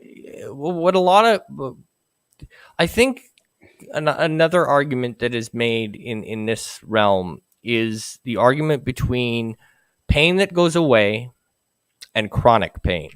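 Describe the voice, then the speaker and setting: A man's voice: mid-range voice, clean tone, dry recording. A man talking casually as a guest, often restarting his sentences. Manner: halting, many restarts. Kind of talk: casual chat.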